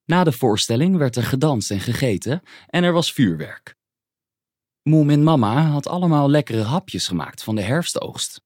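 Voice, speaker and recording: A man narrating a children's story in an expressive storytelling manner on a close microphone. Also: mid-range voice, moderate pace, no room sound.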